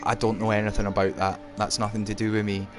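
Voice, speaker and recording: Low-voiced man with a soft Scottish accent. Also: little pitch movement, fast talker, faint music behind. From Edinburgh, Scotland. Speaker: livestream host. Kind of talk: casual livestream chat.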